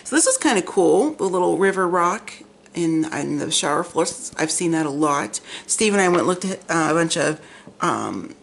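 A woman's voice: lowish voice, sing-song, normal speed. A woman hosting a chatty, gushing magazine flip-through, rambling, with slightly effortful articulation as if half her face were numb from the dentist. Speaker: vlog host. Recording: clear background noise, room ambience.

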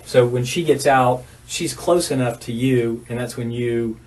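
A man's voice: medium pitch, measured pace, a little mellow. An American man questioning as a police detective, methodically repeating details back. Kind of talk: interrogation questioning. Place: small bare interview room, indoors. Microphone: distant room camera. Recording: distant, noisy surveillance recording.

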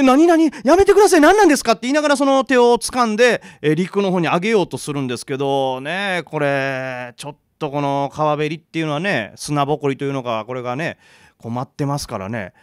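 A man telling a ghost story live in a bar, narrating dramatically and with suspense, building tension through pauses. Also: sits high, no room sound, clean studio sound.

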